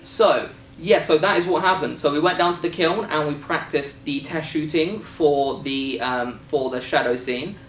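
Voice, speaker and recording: A British man talks in a loose, rambling way, joking and filling pauses as he goes. His voice sits a little high. He is recorded from some distance in a reverberant room with a faint hiss underneath. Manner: rambling, jokey, many fillers. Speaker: filmmaker and co-host. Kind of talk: casual chat.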